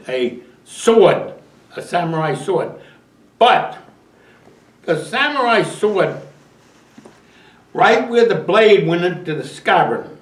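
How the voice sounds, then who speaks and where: A man's voice: on the high side, reverberant, far from the mic, low-quality recording. An older man, a veteran, telling his memories in a rambling oral history interview, often restarting and chuckling. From United States.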